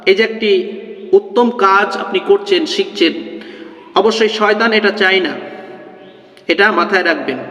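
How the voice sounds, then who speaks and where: A man's voice: high-pitched, a bit bright, reverberant, long reverb tail, lo-fi sound. A man teaching Quran reading, spelling out syllables letter by letter in a half-chanted way, then encouraging his viewers as friends. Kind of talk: slow spelled-out reading lesson.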